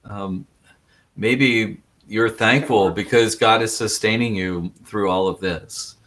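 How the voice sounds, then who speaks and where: A man leading a worship service, speaking gently and unhurriedly with many pauses, his voice still rough from morning. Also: fairly low pitch. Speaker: worship leader. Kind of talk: casual address to a congregation.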